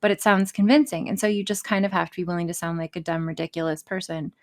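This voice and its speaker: Talking fast in a lowish voice with fairly even intonation, a voice actress and audio creator gives a candid, casual interview, full of self-deprecation, frankness and swearing.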